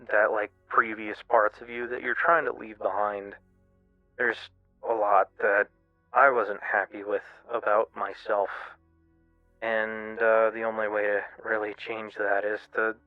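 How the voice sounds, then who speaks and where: A man giving a candid, casual personal monologue as a streamer, in a halting, self-reflective way. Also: fairly low pitch. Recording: muffled, roomy lo-fi radio-like sound, music behind. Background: music.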